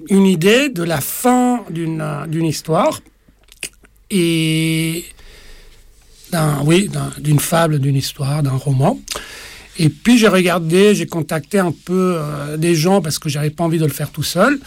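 A man in his forties talks about his writing in a halting way, stopping and restarting his sentences. His voice is a little high and gravelly, and it is recorded close and dry. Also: no echo. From Italy. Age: 40s. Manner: hesitant, many fillers and restarts. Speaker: author. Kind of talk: interview conversation.

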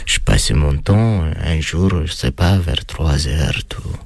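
A man with a non-native French accent tells his story in an interview, his voice sitting very low. He speaks slowly, pausing often and restarting his sentences. The recording is dry, with no room sound. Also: animated, vocal fry, darkish tone, no room sound. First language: not French. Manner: hesitant, many fillers and restarts. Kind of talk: halting personal account.

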